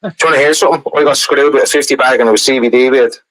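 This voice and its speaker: A man's voice: medium pitch, very fast, fairly bright tone, rough recording. An Irish-accented man in casual, bantering group chat full of informal slang.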